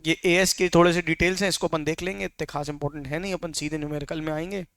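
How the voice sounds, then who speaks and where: A young man teaching a class, his voice high and smooth. He keeps quizzing the students with rapid questions and slips English terms into the lesson. The recording is close and dry. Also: fairly even intonation, fairly bright tone, no room sound. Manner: mixes English terms into speech. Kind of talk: classroom lecture.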